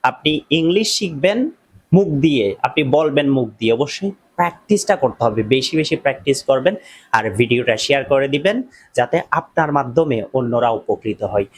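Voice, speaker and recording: A man giving an English lesson to workers abroad. He says each English phrase very slowly and deliberately, then speeds up a little to explain. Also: medium pitch, lively intonation, slightly rough. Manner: very slow and deliberate on the English phrases, chattier and faster in between. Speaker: English teacher. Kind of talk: slow spoken English lesson.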